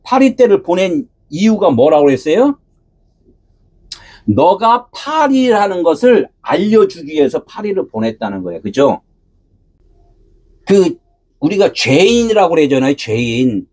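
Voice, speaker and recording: A pastor preaching a sermon, asking his listeners questions and answering them himself, at times raising his voice to a shout. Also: fairly high pitch, big pitch swings, unhurried, long pauses. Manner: asks the congregation rhetorical questions and answers them.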